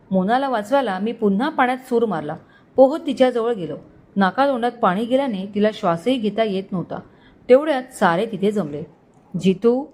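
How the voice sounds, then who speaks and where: Woman narrating a story, slightly high voice. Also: a little mellow.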